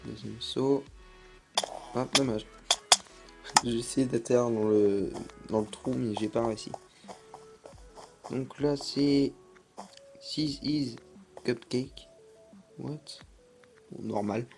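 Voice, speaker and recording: A man's voice: medium pitch, fairly even intonation, slow pace, vocal fry, pauses often, a little mellow. Young guy talking over his game, lots of ums, faint music behind. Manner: hesitant, many fillers. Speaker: gaming YouTuber. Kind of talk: casual gameplay commentary.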